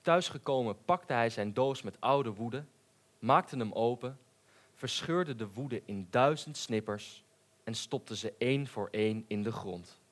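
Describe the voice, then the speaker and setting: A man reading a children's story aloud in an unhurried, expressive way. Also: mid-range voice.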